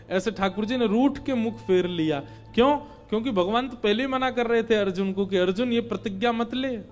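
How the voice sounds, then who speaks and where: High-voiced male storyteller. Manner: dramatic storytelling, chants verses slowly. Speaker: kathavachak, Bhagwat storyteller. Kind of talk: devotional story sermon with chanted verses. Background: faint instrumental music.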